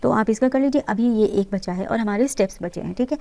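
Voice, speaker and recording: Woman instructor, slightly high and warm tone, patient step-by-step tutorial delivery. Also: quick pace, creaky. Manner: patient, talks viewers through each step, mixing English terms into her talk. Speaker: interior design instructor. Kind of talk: screen-recorded software tutorial.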